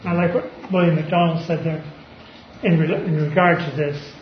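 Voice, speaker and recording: Male preacher, high voice, informal Bible talk with fillers and throat clearing; roomy, slightly muffled recording. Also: steady tone, normal speed, slight background noise.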